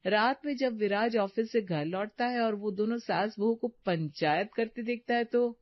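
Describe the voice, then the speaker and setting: Cartoon story narrator, woman, even delivery, dry close audio. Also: mid-range voice, moderate pace, no echo, highs cut off.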